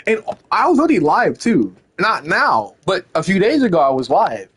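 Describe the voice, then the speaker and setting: A man's voice: sits high, big pitch swings, normal speed, a bit bright, slightly rough. A young man streaming live, arguing with a chatbot in a casual, incredulous way, swearing a lot.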